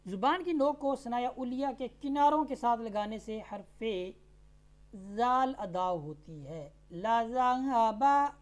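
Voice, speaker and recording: A woman teaching tajweed who spells out letters and vowel marks, then recites each word slowly and drawn out. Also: on the high side. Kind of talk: tajweed lesson.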